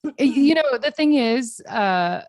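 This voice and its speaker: A woman therapist being interviewed on a podcast, lively and quick to laugh. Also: on the high side, background noise. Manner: lively, laughs easily, many fillers. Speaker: guest, therapist. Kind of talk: casual interview chat.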